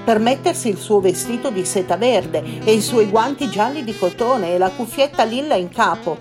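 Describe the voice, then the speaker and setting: A woman reading aloud puts on a snobbish teenage girl who sneers with biting irony, her voice jumping up high and a touch louder. Soft guitar music plays underneath. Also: animated, moderate pace, lightly acted. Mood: mocking. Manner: ironic, scornful.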